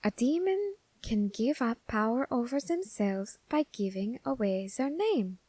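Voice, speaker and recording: A woman voices an eager, curious young Grim Reaper scholar in an ASMR roleplay aimed at the listener, fascinated, deliberate and politely menacing. Her pitch is fairly high and sing-song with a dark tone, and the recording has no room sound.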